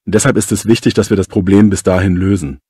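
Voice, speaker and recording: Guy acting as polite gym manager on a call, lowish husky voice, lesson dialogue. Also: steady tone, quick pace, warm tone, no room sound, clean studio sound. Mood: polite, concerned. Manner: courteous, explanatory. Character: polite male gym manager phoning about a fault. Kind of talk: scripted phone dialogue for language lesson.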